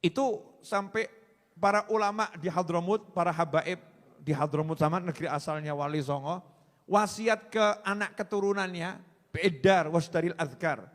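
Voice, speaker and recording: A preacher delivers a humorous sermon in a high, lively voice. He jokes with the crowd and slips easily between registers. The sound rings out with the long reverb of a large hall. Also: normal speed. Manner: joking, lively, mixes Javanese into Indonesian.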